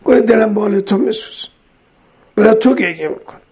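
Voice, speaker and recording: A man's voice: high voice, a little mellow, slightly rough, pitched above the performer's own voice. A man voicing a grieving wise holy fool who tells the king a reproachful story. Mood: tearful.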